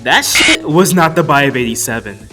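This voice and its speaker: Very animated, his fairly high voice has a sharp tone at normal speed. The young video reviewer keeps his scripted movie review casual, full of jokes and offhand swearing, with music in the background.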